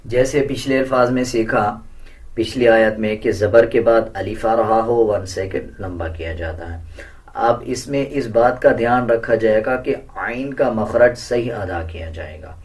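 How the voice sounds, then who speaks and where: This fairly low-pitched man is teaching how to recite the Quran. He first explains the rules calmly, then chants the verses slowly and melodically, much louder than when he was explaining.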